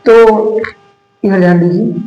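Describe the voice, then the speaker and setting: Male tutor, high-pitched, call-and-response lecturing, roomy echo. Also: fairly even intonation, dull audio, faint music behind. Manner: asks questions and answers them himself, repeating key terms slowly. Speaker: maths teacher. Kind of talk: classroom lecture. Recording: echoey room.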